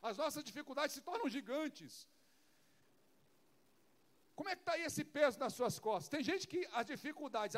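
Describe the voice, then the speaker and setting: A man, preaching a sermon with personal stories and rising emphasis. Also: very high-pitched. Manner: preaching, rising from soft storytelling to loud emphatic calls. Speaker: pastor.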